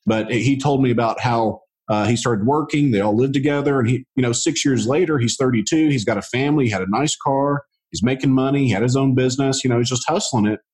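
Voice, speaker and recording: A man hosting a real estate podcast, chatting in a relaxed way with lots of casual fillers. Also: medium pitch, fast talker, hardly any pauses. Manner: relaxed, chatty, many fillers like "you know". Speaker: podcast host. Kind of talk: casual interview chat.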